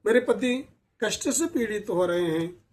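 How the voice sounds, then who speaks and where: A man's voice: sits high, lively intonation, a little slow. A man voicing a grieving, devoted young apsara wife, speaking in a pleading way in a storybook tale.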